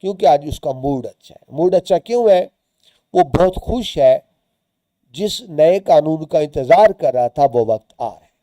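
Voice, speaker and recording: A man's voice: fairly high pitch, animated, measured pace, dark tone, no echo. A man, teaching students by reading a short story aloud and explaining its words and lines as he goes.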